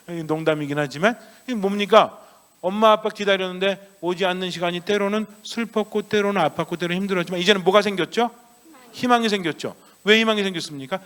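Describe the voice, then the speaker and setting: Priest with a lively, questioning sermon voice. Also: male voice, sits high, clean tone. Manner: asks the congregation many questions and answers himself; acts out children's voices in a playful story. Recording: long church reverb.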